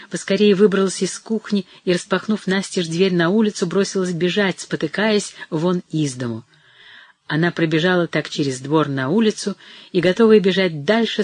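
An audiobook narrator giving steady, measured scripted reading of a novel. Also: medium pitch, no echo.

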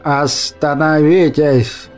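A man reading an audiobook, voicing an old female witch who is stern yet tender and speaks slowly and firmly. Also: on the high side, steady tone, dark tone, soft background music. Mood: commanding. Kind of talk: audiobook character voice.

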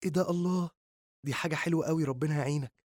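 A man voicing a shy, caring teenage girl with an Egyptian accent, speaking softly and sincerely in an audiobook reading. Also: on the high side, rapid-fire, no echo, studio quality, close to an everyday voice. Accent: Egyptian Arabic.

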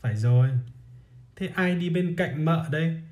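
A man's voice: fairly high pitch, normal speed, a little mellow, natural voice. A man reading a story aloud, voicing a cheerful grown man who coaxes a little boy with playful questions. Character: cheerful male family friend, doting on a boy.

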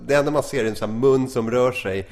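A man's voice: mid-range voice, over a noisy crowd. Male podcast co-host, playful joker, casual talk. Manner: joking, playfully exaggerated. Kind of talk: casual chat, joking.

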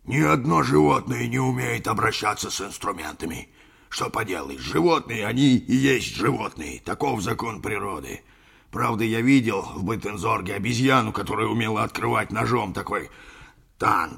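A man's voice: on the low side, creaky, fairly bright tone, husky, exaggerated voice. A man voicing an older, sentimental sea captain who rambles through a yarn in an audiobook. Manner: rambling folksy storytelling, addresses listener as brother. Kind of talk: audiobook character reading.

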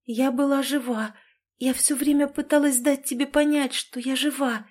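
A woman's voice: high-pitched, fairly even intonation, moderate pace, dark tone, pitched above the performer's own voice. A woman voicing a devoted young woman who pleads breathlessly, in a read-aloud story. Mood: whispering.

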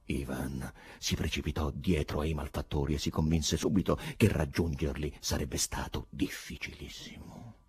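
A man narrating an audiobook in a theatrical, expressive way, with a husky voice on a close studio mic. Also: rumbling low, dry recording.

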